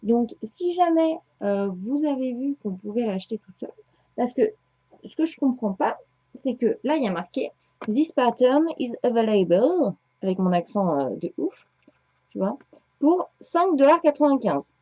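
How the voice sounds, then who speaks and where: Woman, chatty knitting vlogger, higher-pitched, husky, full of hesitations, muffled lo-fi sound. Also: very animated, normal speed, dark tone. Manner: chatty, rambling, many hesitations. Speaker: knitting podcaster. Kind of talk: casual chat to viewers. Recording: dull lo-fi home recording.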